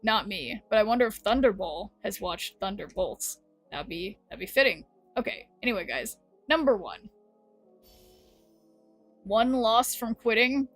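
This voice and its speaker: A woman's voice: medium pitch, expressive, measured pace, faint music behind. A woman chatting casually on a live game stream, rambling and answering chat, her voice worn from talking. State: losing her voice.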